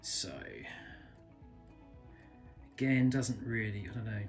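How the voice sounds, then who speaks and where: Low-voiced guy doing a relaxed knife review, keeps correcting himself, music in the background. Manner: thinking aloud, self-correcting, unhurried. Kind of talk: casual product review narration. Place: indoors at a table, filming hands close up.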